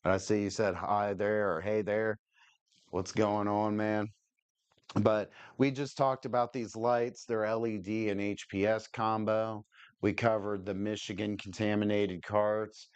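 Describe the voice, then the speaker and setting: Deep-voiced, laid-back stoner man. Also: little pitch movement, measured pace, clear, resonant tone, no echo, highs cut off. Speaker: co-host of a cannabis podcast. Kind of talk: casual livestream chat.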